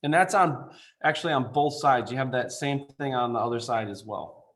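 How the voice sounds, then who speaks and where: An architect presents a building design to a council, speaking remotely over a video call. He's informal and halting, full of fillers and restarts, with a mid-range, slightly bright voice.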